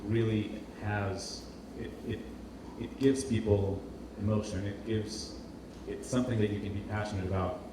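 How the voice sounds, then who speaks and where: With a fairly low voice, fairly even intonation and a moderate pace, a man from Portugal presents informally as a designer, hardly pausing at all. He nonetheless sounds hesitant, repeating words as he seeks phrasing. The noisy, distant, roomy recording comes from an indoor event space with heavy echo.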